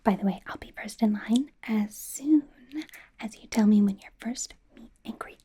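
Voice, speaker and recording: An ASMR performer plays a doting, bossy young pop idol who has become a fashion stylist, giving personal attention in a soft, breathy whisper. Her mid-range voice is lightly acted, and her delivery is playful, gushing, gently insistent and halting. The mood feels doting and reassuring.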